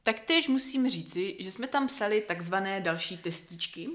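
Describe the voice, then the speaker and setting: A woman's voice: mid-range voice, expressive, fairly bright tone, faint music behind. Chatty young woman rambling casually. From Czech Republic. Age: young adult. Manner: chatty, rambling, many fillers and restarts. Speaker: guest telling about a language course abroad. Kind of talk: casual chat.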